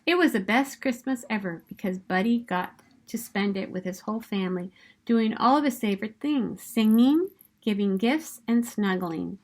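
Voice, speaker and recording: Expressive and emphatic, a woman reads a children's picture book aloud at a normal speed in a mid-range voice.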